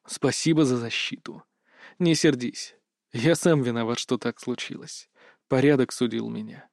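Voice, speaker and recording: A man voicing a calm high mage who speaks softly and tenderly. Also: moderate pace, gravelly, dry recording, clean studio sound, close to an everyday voice. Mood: tender, hushed. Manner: soft, hushed and tender.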